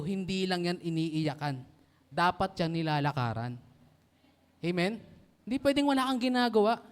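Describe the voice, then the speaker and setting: A young man giving a lively, casual youth sermon, often teasing the audience and asking for agreement. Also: sits high, smooth. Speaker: youth preacher. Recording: long hall reverb.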